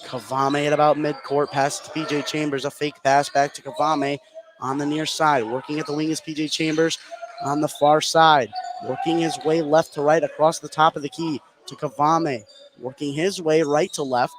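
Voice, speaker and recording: This basketball play-by-play is voiced by a man with a fairly high pitch and a level tone, speaking at a moderate pace. He narrates the live action in brief present-tense phrases, and gymnasium game sounds are clearly heard behind him.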